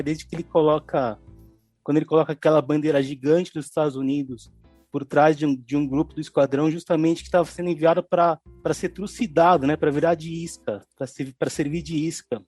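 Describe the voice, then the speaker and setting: A man's voice: a little high, fairly even intonation, brisk, darkish tone, dry recording, soft background music. A man with a Brazilian Portuguese accent, co-hosting a film review podcast in thoughtful, analytical casual chat. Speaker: podcast co-host.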